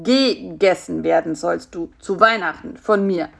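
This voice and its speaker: A woman's voice: on the low side, measured pace, gravelly, fairly bright tone, full character voice. A woman voicing a fat, scheming male spider who bosses his captive around with mock politeness. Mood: bossy.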